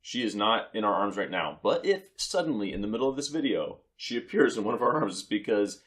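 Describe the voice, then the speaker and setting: A man's voice: lowish voice, sing-song, a little fast, fairly bright tone. A young man co-hosting a casual chat in a rambling, wry way that often interrupts itself. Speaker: co-host.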